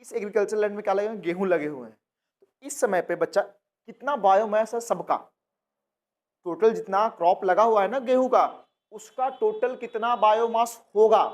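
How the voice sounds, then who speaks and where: A man from India teaching a coaching-class biology lesson, repeating key terms and asking the class questions that he then answers himself. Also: high voice. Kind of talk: classroom lecture.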